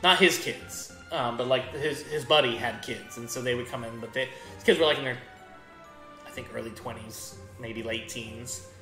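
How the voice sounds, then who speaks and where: A man's voice: medium pitch, moderate pace, pushed and bright. A man chatting casually while he plays a video game, telling rambling stories with many restarts. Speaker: gaming streamer. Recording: echoey room with faint game music.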